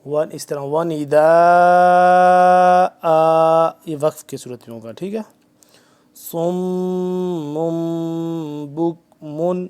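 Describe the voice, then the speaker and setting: A man teaching a Quran recitation lesson, drawn-out chanted phrases mixed with quick explanations, patiently repeating letters to drill them. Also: on the high side, mellow. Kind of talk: tajweed lesson, slow recitation between fast explanation.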